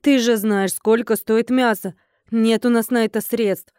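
A woman voicing a stingy, grumbling middle-aged innkeeper in an audiobook, indignant and quick to complain. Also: a little high, fairly even intonation, darkish tone, clean tone, no echo, studio quality, natural voice. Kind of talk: audiobook character voice.

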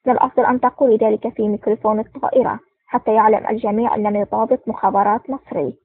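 A woman's voice: a little high, flat delivery, racing, no echo. A woman voicing a stern, terse male intelligence officer in an audiobook, with a curt, dry delivery. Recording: tinny phone-like sound.

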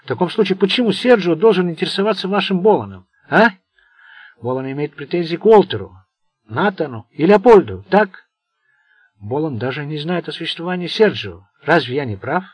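A man's voice: a little high, animated, brisk, slightly rough, dry recording, voice pushed up. A man voicing an old, contemptuous, domineering mafia boss in an audiobook. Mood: commanding. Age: older. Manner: contemptuous, commanding.

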